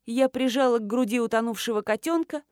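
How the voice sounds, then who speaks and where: A woman reading a first-person audiobook in an expressive, dramatic way. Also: fairly high pitch, brisk, dry recording, studio quality. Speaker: audiobook narrator.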